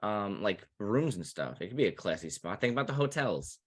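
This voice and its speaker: A man's voice: lowish voice, very animated, fairly quick, slightly rough. A man, a podcast co-host, rambling through his points with many fillers in casual chat.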